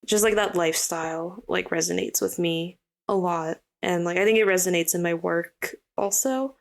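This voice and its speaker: A young woman from Hawaii, appearing as a guest artist, chats casually in an interview. Her voice is lowish and gravelly, her speed normal, and her manner relaxed and rambling, full of fillers.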